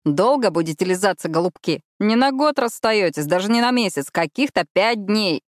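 Audiobook: brash joking young man voiced by a woman, low-pitched, dry. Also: lively intonation, normal speed, dry recording, lightly acted. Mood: teasing. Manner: loud, mocking. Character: cheerful teasing young man.

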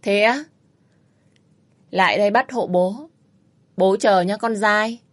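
A woman's voice: medium pitch, moderate pace, close to an everyday voice. A woman voicing a cool, aloof man who speaks curtly and mockingly in a spoken audio story. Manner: calm, dry, curt, mocking.

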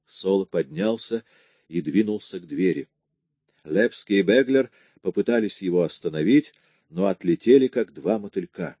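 A man reading a crime novel aloud in a steady storytelling manner. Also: deep voice, moderate pace, no room sound. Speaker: audiobook reader. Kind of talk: scripted audiobook narration.

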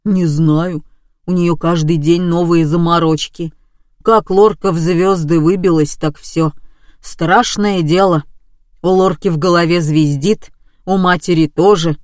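Woman doing a meek heavy man, a little lower, slow, resigned, storybook. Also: fairly even intonation, a little mellow, no echo, studio quality, close to an everyday voice. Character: meek heavy sweaty man, henpecked son.

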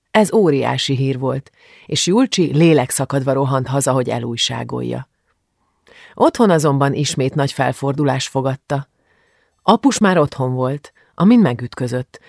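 A man narrating an audiobook in a measured, even storytelling manner. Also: mid-range voice, vocal fry, slightly rough, no echo, clean studio sound. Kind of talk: scripted narration.

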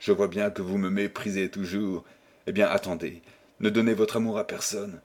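A man's voice: on the low side, fairly even intonation, moderate pace, darkish tone, slightly rough. A man reading aloud, voicing a proud, desperate husband who pleads fervently with his wife in a storybook. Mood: humble. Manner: fervent, imploring.

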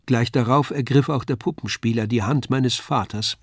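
Brief: older male narrator, steady literary reading, dry close recording. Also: medium pitch, slightly rough, no room sound. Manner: measured, even storytelling. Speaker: audiobook narrator.

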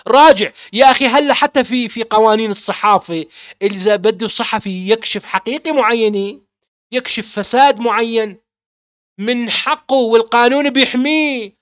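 Fervent high-pitched Levantine man. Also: a bit bright, dry recording, clean studio sound. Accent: Levantine Arabic. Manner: insistent, fervent, many rhetorical questions and repetitions. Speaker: author and publisher. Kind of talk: impassioned monologue.

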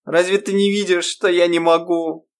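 A man voicing a frightened, tearful teenage schoolgirl in an audiobook, pleading in a high, sobbing voice. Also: lively intonation, moderate pace, fairly bright tone.

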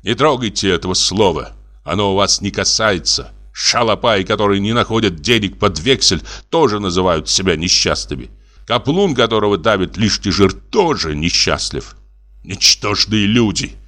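A man's voice: fairly low pitch, animated, normal speed, sharp tone. A man reading the part of a bitter, furious middle-aged country doctor, harsh and biting, clipping every word.

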